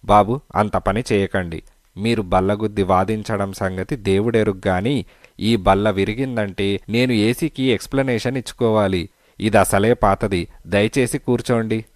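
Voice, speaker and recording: A man's voice: lowish voice, fairly even intonation, normal speed, dry recording, studio quality, close to an everyday voice. A man voicing a stern middle-aged police inspector who scolds. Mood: wry.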